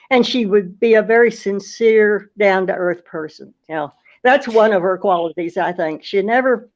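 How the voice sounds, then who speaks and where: A woman's voice: medium pitch, dull audio. A woman with a Brooklyn accent, reminiscing casually and earnestly as an interview guest.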